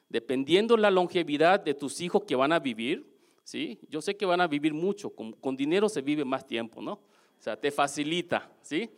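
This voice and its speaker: A man with a Mexican accent giving a lively motivational testimonial at a business seminar, often checking in with the audience through quick questions. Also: on the high side. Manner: keeps asking the audience questions, animated.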